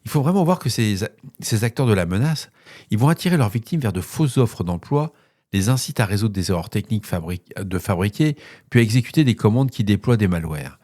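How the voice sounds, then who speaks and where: A man's voice: on the low side, lively intonation, brisk, a little mellow, dry recording, clean studio sound. A man hosting a cybersecurity news podcast, reading bulletins and then slipping into casual off-script asides with fillers.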